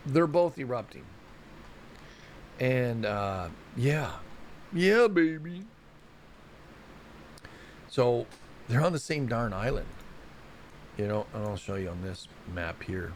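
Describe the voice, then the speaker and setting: A man's voice: fairly low pitch, expressive, slow pace, pauses often, a little hiss or hum. A man hosting a casual solo news report on volcanoes, rambling and chatty, often stumbling over place names. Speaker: show host.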